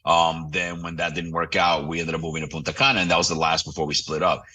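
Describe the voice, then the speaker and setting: Fast-talking deep-voiced man, distant mic. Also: flat delivery, pushed and bright, husky. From Romania. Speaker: real estate broker, guest. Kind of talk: casual interview talk.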